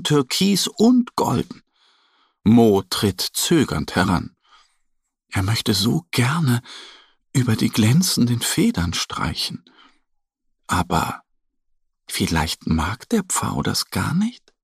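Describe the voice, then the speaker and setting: A man narrating a children's story in a calm, gentle storytelling manner. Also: medium pitch, gravelly, breathy edge, no echo, clean studio sound.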